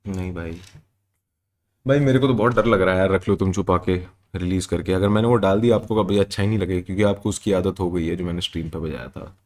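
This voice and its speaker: A man's voice: low voice, quick pace, a little mellow. A male livestreamer in casual chat, joking and reading out super chats, mixing in English phrases.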